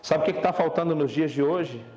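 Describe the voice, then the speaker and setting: A young man from Brazil, a pastor telling a story in a Sunday sermon, swinging between loud urgent preaching and low, slow emphasis. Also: lo-fi sound. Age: young adult. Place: church service.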